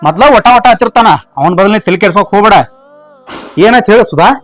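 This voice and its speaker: A man's voice: high-pitched, fast, close to an everyday voice. A man playing a caring young village husband with a North Karnataka accent, questioning his wife. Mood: concerned questioning. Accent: North Karnataka Kannada. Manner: questioning, concerned. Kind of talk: village comedy-drama acting.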